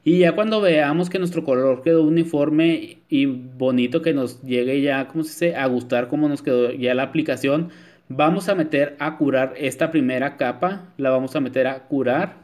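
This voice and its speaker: In a chatty voice-over, a nail technician walks viewers through a nail tutorial, calling them "chicas" and filling his talk with lots of "este." His voice is medium in pitch and darkish in tone, and he speaks at a normal speed.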